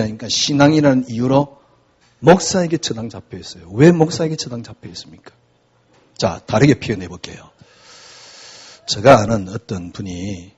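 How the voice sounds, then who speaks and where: A man's voice: mid-range voice, a little mellow, slightly rough, lo-fi sound. A man preaching a sermon as pastor, talking conversationally and asking rhetorical questions.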